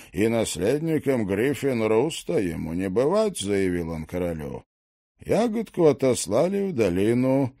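A man narrating a fantasy chronicle as an audiobook, reading in an unhurried storyteller's way. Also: mid-range voice, dark tone, no echo, studio quality. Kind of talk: scripted narration.

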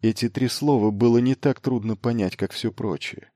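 Brief: steady male audiobook reader, mid pitch, dry booth sound. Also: moderate pace, no room sound. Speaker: audiobook narrator. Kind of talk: scripted narration.

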